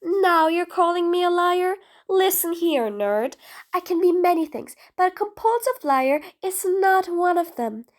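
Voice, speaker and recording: A woman's voice: extremely high pitch, expressive, measured pace. A woman voicing a sarcastic, exasperated female supervillain in an audio role-play drama, taunting her prisoner with bossy nicknames. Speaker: voice actress.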